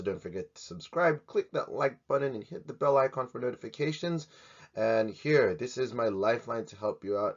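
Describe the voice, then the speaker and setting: A man from Australia, teaching an English grammar video lesson in a jokey, animated way. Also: medium pitch. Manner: jokey, animated, swings in loudness. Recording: dull lo-fi sound.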